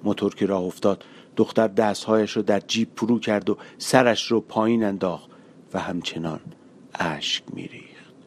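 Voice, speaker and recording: A man narrating a short story for an audiobook in a measured, colloquial storytelling manner. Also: on the low side.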